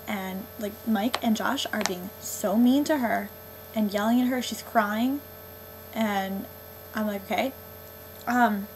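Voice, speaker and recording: A woman's voice: a little high, a little hiss or hum, poor audio. A young woman vlogging a casual movie review, sarcastic and exasperated, filling her talk with 'um' and 'like'.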